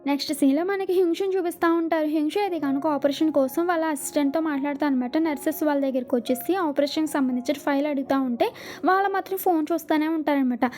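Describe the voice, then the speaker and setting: Fast, chatty woman retelling a drama. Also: high-pitched, darkish tone. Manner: chatty, filler-heavy retelling. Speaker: drama recap narrator. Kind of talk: casual storytelling recap.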